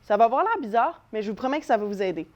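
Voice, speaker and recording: A woman's voice: a little high, lively intonation, racing. Upbeat woman drama teacher. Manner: encouraging, demonstrates vocal exercises. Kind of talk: voice lesson for children. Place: living room at home.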